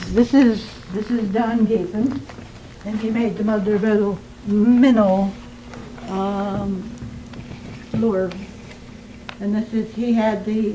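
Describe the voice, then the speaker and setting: Inside a small museum, a woman with a medium-pitched voice leads an informal tour, calm and explanatory, pausing now and then to find her words. The on-location recording is noisy, and her distance from the mic keeps changing.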